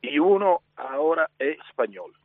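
A Spanish man raised in Italy, speaking with an Italian accent as a circus manager interviewed by phone, halting and repeating words. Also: a little high, lively intonation, no room sound. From Spain, raised in Italy. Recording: dry tinny phone line.

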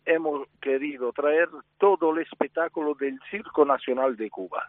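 A Spanish man raised in Italy, speaking with an Italian accent as a circus manager interviewed by phone, halting and repeating words. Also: on the high side, no echo. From Spain, raised in Italy. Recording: dry tinny phone line.

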